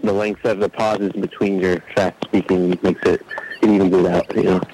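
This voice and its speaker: A man's voice: sits low, little pitch movement, normal speed. A man calling in by phone from outside his house, keeping his voice down in easygoing chat. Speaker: caller. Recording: noisy phone line.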